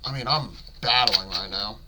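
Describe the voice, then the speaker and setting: A man's voice: lowish voice, normal speed, noisy background. A man hosting a casual solo sports podcast while sick, sounding stuffed up with a blocked nose and phlegmy throat, in a rambling, slangy way.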